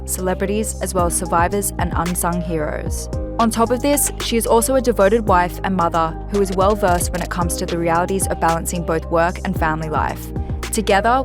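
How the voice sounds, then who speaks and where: A woman hosting a podcast, introducing her guest and asking questions with polished enthusiasm. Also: lowish voice. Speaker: podcast host. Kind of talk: scripted intro and interview questions. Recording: music bed under the voice.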